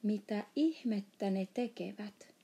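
A woman's voice: medium pitch, warm tone, close to an everyday voice. A woman voicing a curious, earnest little girl in a storybook reading. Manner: questioning, earnest.

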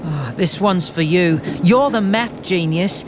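A woman's voice: fairly low pitch, slow pace. A woman playing a confident, easygoing young male racer in an audio drama, with a breezy delivery. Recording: clear background noise, vehicles and ambience.

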